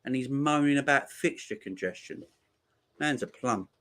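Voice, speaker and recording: A man's voice: medium pitch, moderate pace, fairly bright tone. A man, hosting a casual football livestream and chatting with viewers, laid-back and slangy, laughing often. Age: 40s. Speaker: livestream host. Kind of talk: casual chat reading viewer comments.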